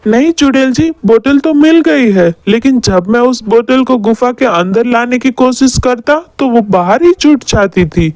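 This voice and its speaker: A worried young village boy pleads anxiously, close and dry, as a woman acts him out. His plain cartoon voice stays steady and earnest. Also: on the high side, a little slow, hardly any pauses, no room sound.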